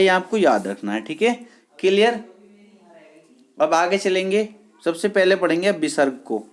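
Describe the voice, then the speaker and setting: Patient exam-prep teacher, repeating terms. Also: medium pitch. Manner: drills terms slowly, repeating key words and quizzing with "clear?"; addresses viewers as friends, patient and repetitive. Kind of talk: online exam-prep lesson.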